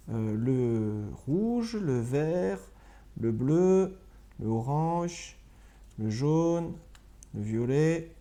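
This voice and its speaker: A primary school teacher recording a lesson for pupils at home, speaking slowly and spelling words out letter by letter. The voice is mellow and rather dark, with a lively, rising and falling tune as they check again and again that everyone follows. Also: medium pitch.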